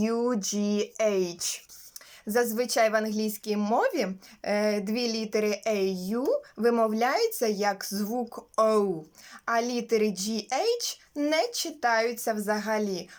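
Woman teaching english sounds, slow and careful, says each example word out. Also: fairly high pitch. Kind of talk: slow instructional explanation.

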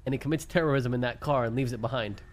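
A man's voice: medium pitch, fast talker, slight background noise. A man chatting casually in a role-play game, pushy and scheming, swearing freely. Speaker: streamer playing a role-play character.

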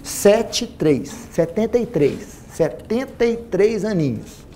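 A man in his forties with a Minas Gerais accent, a plastic surgeon giving an animated seminar talk to a large audience on a lapel mic, repeating phrases for emphasis. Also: sits high, slow, slight background noise. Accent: Brazilian Portuguese, Minas Gerais. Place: auditorium stage with a large audience.

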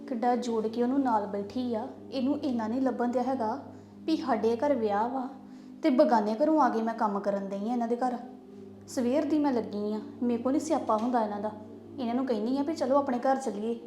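A woman's voice: on the high side, a little fast, mellow, faint music behind. Spiteful muttering woman, echoey room. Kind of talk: Punjabi family drama dialogue.

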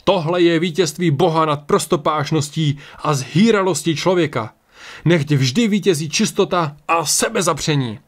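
A man voicing a zealous, fanatical medieval priest who preaches loudly and condemns. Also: mid-range voice, natural voice. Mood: triumphant.

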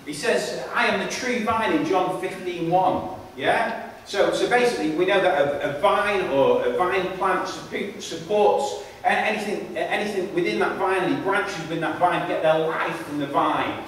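A man's voice: sits high, normal speed, fairly bright tone, slight background noise. A man preaching a sermon, emphatic and repetitive, often restarting his phrases. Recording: echoey hall, voice from far off.

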